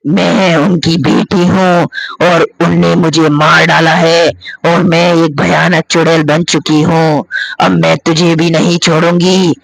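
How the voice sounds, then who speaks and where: Cartoon: vengeful ghost girl, played by a man, slow and mournful, high voice. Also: flat delivery, gravelly, fairly bright tone, dry recording, heavily acted, rough recording. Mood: menacing. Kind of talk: cartoon story voice acting.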